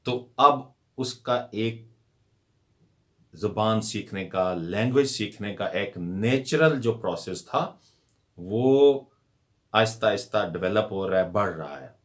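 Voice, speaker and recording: A man gives an unhurried lesson, his voice sitting fairly low. He takes his time, repeating words one by one and dropping English terms into his explanation. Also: expressive. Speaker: English teacher.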